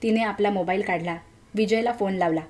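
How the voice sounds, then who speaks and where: A woman reading a story aloud as its narrator, in a gentle, emotive way. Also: medium pitch, a little fast.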